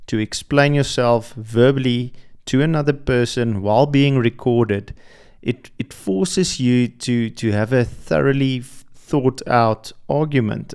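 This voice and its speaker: With a darkish, clear, resonant voice in the mid range, this young podcast host reflects on his own. Afrikaans is his first language, and he speaks hesitantly, often restarting and filling gaps.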